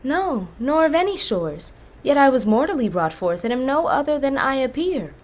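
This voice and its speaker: A woman's voice: high voice, sing-song, normal speed. An actress playing a young orphaned noblewoman, sorrowful and dignified, speaking classical verse in an earnest, formal way. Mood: guarded. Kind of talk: classical verse stage acting.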